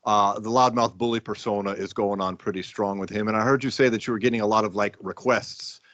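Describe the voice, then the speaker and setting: Lowish guy cohosting, ums a lot, kinda dull muffled audio. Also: fairly even intonation, fast talker, fairly bright tone, dry recording. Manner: hesitant, many ums. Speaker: podcast co-host. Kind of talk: casual interview chat.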